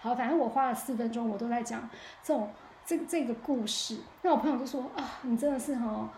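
A woman's voice: a little high, brisk, a little mellow, slight background noise. A woman hosting her own podcast, telling a story about her own mishap in a candid, chatty way. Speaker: podcast host. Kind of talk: casual solo storytelling. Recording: echoey room.

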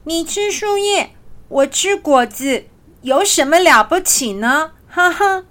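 A woman voicing a small, boastful, quick-tempered hedgehog in a children's story, in a high squeaky voice. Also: expressive, a bit bright, exaggerated voice. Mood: indignant.

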